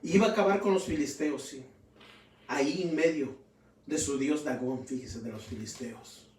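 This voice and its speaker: A man's voice: on the high side, normal speed, a little mellow, slight background noise. A man preaching a fervent sermon in a church, often calling his listeners brothers. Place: church hall. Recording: roomy, distant from the mic.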